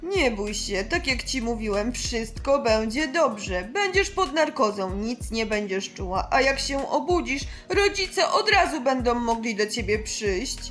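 A steady male doctor who calms worried patients, as a woman puts him on. The voice is pushed well down from her own high pitch and stays slow and soothing. Light music hums faintly in the background. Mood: calm, reassuring. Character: calm reassuring male hospital doctor.

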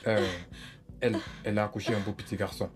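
A woman voicing a doctor who calms and reassures a worried relative, in a French film dub. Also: rumbling low, fast. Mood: reassuring. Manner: calming, reassuring. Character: calm doctor delivering good news.

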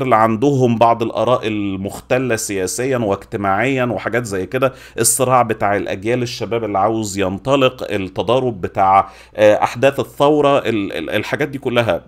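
A man in his forties with an Egyptian accent reviewing in natural unscripted talk, informal and emphatic, repeating words for stress, at a desk microphone. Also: mid-range voice. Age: 40s. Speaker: YouTube film and series reviewer. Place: small home studio room. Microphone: desk microphone with pop filter.

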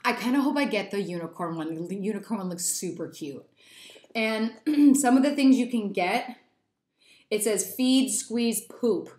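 A woman's voice: mid-range voice, lively intonation, a little slow, a little mellow. A young woman chatting through a toy unboxing, giddy and rambling with lots of little asides. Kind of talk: casual unboxing chat. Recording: echoey room.

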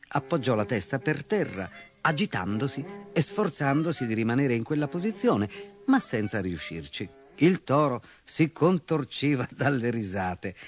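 A man narrating a children's story as a storyteller, in an expressive, unhurried way. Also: medium pitch.

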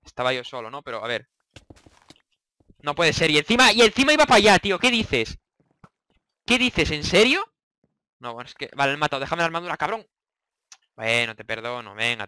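A young man with a Spain Spanish accent narrates his own gameplay as he plays, tossing in curses and breaking into sudden yells. His voice sits a little high and sounds bright and forceful. It is recorded dry, with no room sound. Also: brisk, long pauses, no echo. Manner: excitable, swears a lot, yells in sudden bursts. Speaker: gaming YouTuber. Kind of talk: live gameplay commentary.

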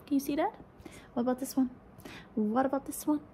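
Young woman doing fast ASMR role-play asmr as a doctor, high soft voice, repeats short phrases, noisy close mic w clicks. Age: young adult. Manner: hurried, repetitive soft murmuring of short phrases. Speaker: ASMR performer playing an examining doctor. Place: indoors, small room at home.

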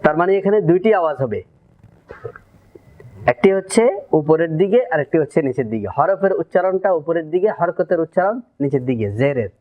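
A man leads a Quran pronunciation lesson, breaking down each sound and repeating the syllables in slow drills. His voice sits a little high. The recording is dull and lo-fi. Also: animated. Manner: explains step by step, drills letter sounds slowly. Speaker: Quran recitation teacher.

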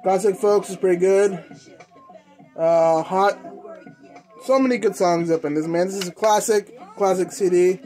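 A young American man hosting a casual unboxing vlog, talking in a halting, informal, slangy way. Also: sits high, dark tone, faint music behind. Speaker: host of a clothing collecting channel. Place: indoors in a room at home.

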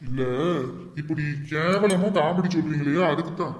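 A man's voice: a little high, normal speed. A man playing a complaining, fearful patient in a comic skit. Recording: echoey room with long reverb.

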